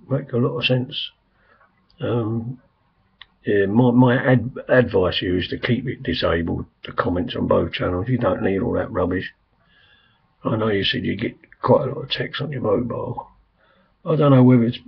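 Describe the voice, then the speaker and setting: An older man, hoarse and coughing, rambling chattily with lots of fillers in a casual video message from a quiet room at home. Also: mid-range voice. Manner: rambling, chatty, frequent "I mean" and "um". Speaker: vlogger. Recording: dull lo-fi home recording.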